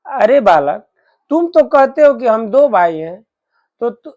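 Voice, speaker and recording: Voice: mid-range voice, big pitch swings, slow, a little mellow, muffled recording. A man voicing a burly old holy man who questions and scolds a boy in a devotional story. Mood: coaxing, stern. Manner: scolding, insistent. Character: stern burly old male sadhu.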